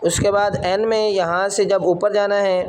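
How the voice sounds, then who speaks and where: Guy with a high-ish voice walking students through letter strokes, calm and patient. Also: smooth. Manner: patient, explains each stroke while writing. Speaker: calligraphy teacher. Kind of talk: step-by-step writing lesson.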